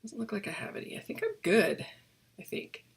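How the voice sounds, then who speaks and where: A woman's voice: mid-range voice, huge pitch swings, fairly quick, creaky, slightly rough. A middle-aged woman chatting enthusiastically through a live craft demo, often restarting her sentences, her microphone giving a cave-like echo. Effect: echoey, cave-like microphone sound. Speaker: stamping and card-making demonstrator.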